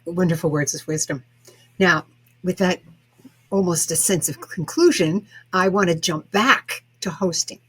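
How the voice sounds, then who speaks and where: A woman's voice: fairly low pitch, a little slow, a bit bright, husky. A woman hosting a podcast interview, telling a workplace story thoughtfully and restarting phrases as she goes. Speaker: podcast host. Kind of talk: interview conversation.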